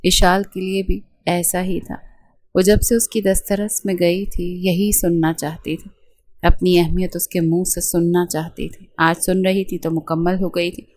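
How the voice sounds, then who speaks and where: Low-voiced woman reading a romance novel. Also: level tone, darkish tone, no room sound. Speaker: novel reader. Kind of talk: scripted narration of a romance novel.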